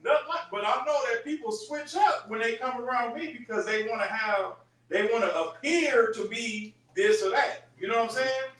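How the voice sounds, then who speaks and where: A man with a high-pitched voice leads a group Bible study, explaining points in an emphatic, chatty manner and often checking that his listeners follow. He sounds some way from the mic, in a very echoey room. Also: normal speed, fairly bright tone, recorded from a distance.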